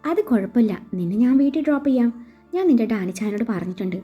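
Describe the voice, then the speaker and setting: A woman voicing a gentle young male doctor who speaks earnestly to his fiancée in a read-aloud story. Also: fairly high pitch, lively intonation, quick pace, lightly acted. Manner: soft, earnest questioning. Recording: slightly dull with faint music.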